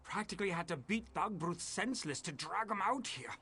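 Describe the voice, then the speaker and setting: Game NPC: gruff mine boss, grumbling and blunt, fairly high voice. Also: male voice, a little fast, sharp tone, exaggerated voice. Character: weary, gruff male mine foreman. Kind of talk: video game dialogue.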